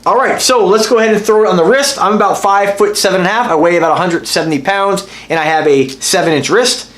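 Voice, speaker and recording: A man whose voice is high-pitched, fast, and fairly bright reviews watches in a casual vlog he hosts. Talking to his viewers as "guys," he's enthusiastic and rambling, full of filler words and restarts.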